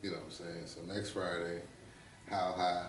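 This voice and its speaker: A man co-hosting a casual talk show, speaking in relaxed conversational slang with some swearing. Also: sits low, normal speed, a little hiss or hum. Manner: slangy, profane banter. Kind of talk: casual chat. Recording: roomy echo, distant mic.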